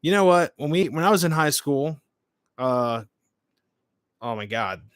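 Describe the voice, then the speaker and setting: A man's voice: a little high, animated, measured pace, clear, resonant tone, no echo, studio quality. A man in his late twenties hosting a livestream, chatting informally and hopping between short remarks as he answers comments. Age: late 20s. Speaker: livestream host. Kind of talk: casual livestream chat, reading and answering comments.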